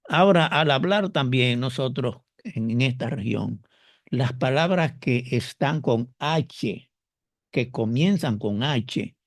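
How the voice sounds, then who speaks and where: A man from the Dominican Republic with a Dominican Spanish accent, explaining customs and the way his country speaks, slowly and deliberately, repeating examples. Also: medium pitch, no echo, clean studio sound. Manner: slow, deliberate, stretches key words and repeats examples. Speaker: teacher explaining culture and dialect. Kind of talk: explanatory monologue.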